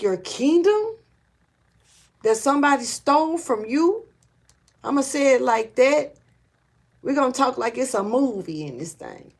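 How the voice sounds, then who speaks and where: Blunt, rambling woman reading tarot. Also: a little high. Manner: loose, rambling and blunt, with slang and cursing; earnest and urgent, repeats and restarts often. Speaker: tarot reader. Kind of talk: casual spiritual tarot reading.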